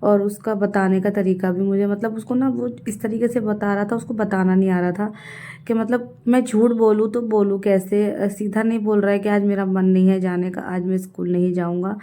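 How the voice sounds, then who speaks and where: A woman's voice: mid-range voice, level tone, normal speed, mellow. A woman in her thirties chatting casually to her viewers in a home vlog, mixing English words into her talk. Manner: chatty, addresses viewers directly; mixes English words into Hindi. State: unwell with fever. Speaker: vlogger.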